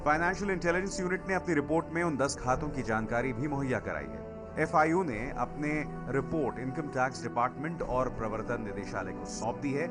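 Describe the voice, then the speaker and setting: A man reading a formal, measured news voice-over. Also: mid-range voice, lively intonation. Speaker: news reporter. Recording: voice-over over loud music. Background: news music bed.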